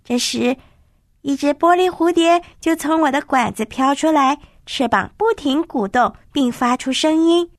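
A woman reading a children's story aloud in a gentle, expressive way. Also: sits high, a little slow, dry recording, studio quality.

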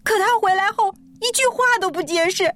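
A woman's voice: extremely high pitch, fairly quick, pitched above the performer's own voice. A woman voicing a hurt, defensive young woman who holds back tears and speaks with aggrieved insistence. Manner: aggrieved, pleading, then forced calm. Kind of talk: storybook character voice.

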